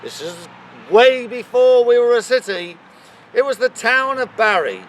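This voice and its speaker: A man speaking as a town crier guiding an outdoor history tour, proclaiming theatrically with drawn-out emphasis, exclamations and rhetorical questions. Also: sits high, fairly bright tone, far from the mic, slight background noise. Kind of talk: guided history tour narration. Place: outdoors in a cemetery.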